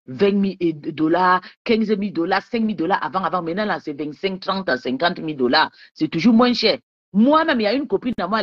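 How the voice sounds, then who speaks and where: A woman's voice: fairly low pitch, no echo. Woman streaming from her bedroom, boastful and taunting, wine in hand, rambling, dry room, muffled lo-fi audio. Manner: boastful and combative, taunting rivals; rambling with repeated questions to viewers. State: drinking wine while talking. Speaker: live streamer. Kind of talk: casual live-stream rant.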